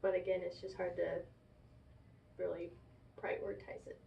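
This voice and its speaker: A woman's voice: fairly low pitch, flat delivery, measured pace, creaky. A woman talking through her own feelings as the client in a counseling session. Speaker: client in a therapy role play. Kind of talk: casual spoken reflection in a counseling session. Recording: echoey, distant, muffled, faint noise.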